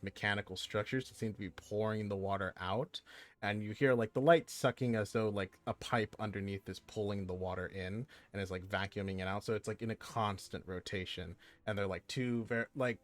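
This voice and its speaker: A man narrating as game master in a casual, meandering way, full of fillers and restarts. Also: lowish voice. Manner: meandering, heavy use of fillers.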